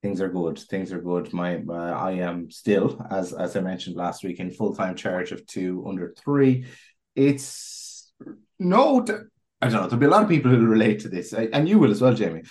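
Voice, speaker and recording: Lively-pitched joking man. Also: moderate pace. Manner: dry, jokey and sweary, with a lively pitch. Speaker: podcast co-host. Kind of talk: casual chat.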